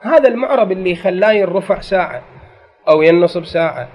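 A man's voice: sits high, lively intonation, fast. A man with an Iraqi accent lecturing a class on grammar, asking questions and answering them himself. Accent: Iraqi Arabic. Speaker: grammar teacher. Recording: dull lo-fi recording.

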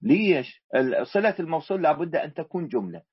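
A man's voice: a little high, very animated, fast, slightly rough, no echo. A man with an Iraqi accent teaching a grammar lesson, quizzing the class and repeating key words, on a dull lo-fi recording. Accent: Iraqi Arabic.

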